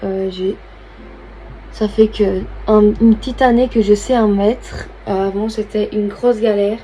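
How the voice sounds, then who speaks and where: A woman's voice: medium pitch, steady tone, unhurried, warm tone, a little hiss or hum, rough recording. A young woman, chatting casually through a makeup tutorial and thinking aloud as she works. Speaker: beauty vlogger.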